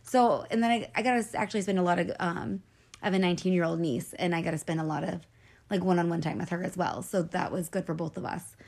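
A woman's voice: on the low side, fairly even intonation, fast talker, creaky, darkish tone. A woman in her thirties co-hosting a podcast, telling candid stories in casual chat. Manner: chatty, candid storytelling with fillers. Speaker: podcast co-host.

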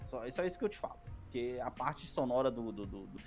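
A man's voice: mid-range voice, expressive, fast talker, over music. A man with a Brazilian accent hosting a casual podcast chat in a slangy, exclamatory way. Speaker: podcast host.

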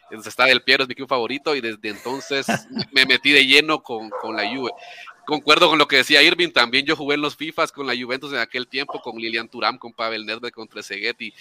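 A man's voice: mid-range voice, bright, forceful tone. A man from Nicaragua, a guest founder of fan groups, telling his story in casual podcast chat with many fillers and restarts. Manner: talkative, hesitant with many fillers.

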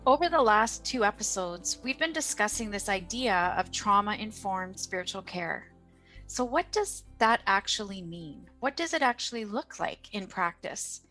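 A woman's voice: medium pitch, lively intonation, a little slow, pushed and bright, poor audio. A woman with a mid-range voice facilitates a podcast in a scripted introductory style. Music plays behind her.

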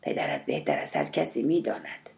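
Brief: a woman doing a solemn man in a storybook reading, low and near-whispered. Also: big pitch swings, gravelly, a little mellow, exaggerated voice. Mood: hushed solemn. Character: quiet, solemn adult man, a son-in-law.

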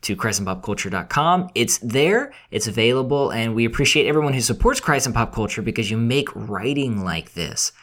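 A man co-hosting a film review podcast, chatting conversationally with some quick bursts. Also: mid-range voice, lively intonation, a bit bright. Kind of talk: casual podcast chat.

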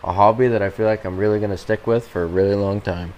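A man's voice: fairly low pitch, fairly even intonation, fast, darkish tone, dull audio. An American man speaking casually as a guest on a podcast. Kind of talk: casual chat.

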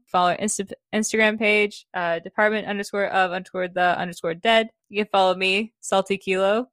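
A woman's voice: mid-range voice, fairly bright tone, no room sound. Giggly woman chatting, dry close sound. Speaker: podcast co-host. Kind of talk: casual chat.

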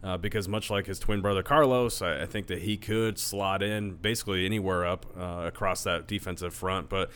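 A low-pitched American man offers conversational sports analysis. He speaks as a panelist on a talk show. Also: fairly even intonation, a little fast, hardly any pauses, a bit bright, clear, resonant tone.

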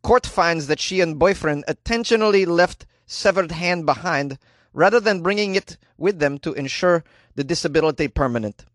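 A man voicing a deadpan news reporter with a mock Slovenian accent and clipped grammar, in a small closet. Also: on the high side, moderate pace, no room sound, studio quality, close to an everyday voice.

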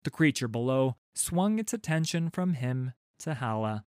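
A man narrating a fantasy audiobook in a measured, dramatic storytelling manner. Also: medium pitch, lively intonation, a little mellow, clean tone, dry recording, studio quality.

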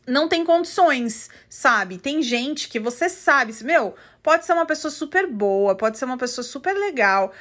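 A woman from Brazil hosting a podcast, telling a story in a casual, animated and indignant way and acting out the quotes. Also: fairly high pitch. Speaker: podcast host. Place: living in the United States.

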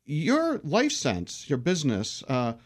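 A man hosting an interview, asking leading questions and sharing personal anecdotes in a lively way. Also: a little high, a little slow. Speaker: interview host. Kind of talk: conversational interview.

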